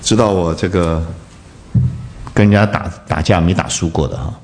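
A male preacher giving a sermon, throwing rhetorical questions at the congregation and swinging between loud bursts and soft asides. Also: low-pitched, fairly even intonation, normal speed.

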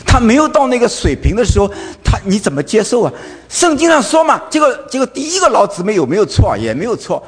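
A preacher with a Wu accent fires off rhetorical questions tagged with "right?" and stammers over repeated fillers. His male voice is high and slightly rough, with wildly swooping pitch, a fast pace and few pauses. The recording has a long hall reverb.

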